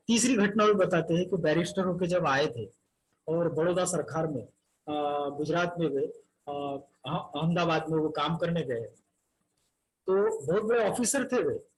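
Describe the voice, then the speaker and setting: A man with a high-pitched voice leads a Buddhist Dharma talk. He tells a life story earnestly, speaking as if in the first person, and addresses the crowd as brothers and sisters. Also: rough recording. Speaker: Buddhist teacher.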